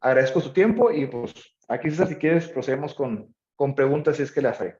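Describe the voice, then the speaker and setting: A man's voice: mid-range voice, brisk, darkish tone. A man presenting and answering questions conversationally, with rhetorical questions thrown in. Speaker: presenter, logistics expert. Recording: echoey room, slightly muffled audio.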